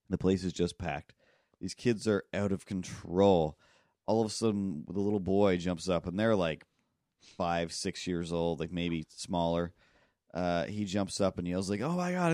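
Man, very low voice, dry close recording, podcast co-host, rambling storyteller. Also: no room sound. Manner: rambling, acts out people yelling in loud bursts. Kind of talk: casual storytelling chat.

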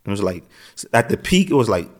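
A man's voice: lowish voice, big pitch swings, fairly quick. A middle-aged American man, an interview guest, telling his story in a casual streetwise way, with phrases repeated. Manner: streetwise, repeats phrases, frequent "you know what I'm saying".

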